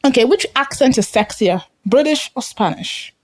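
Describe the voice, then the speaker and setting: A woman's voice: sits high, expressive, moderate pace. A woman from Nigeria, hosting a podcast in casual chat and teasing her guest with frequent laughs. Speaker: podcast host.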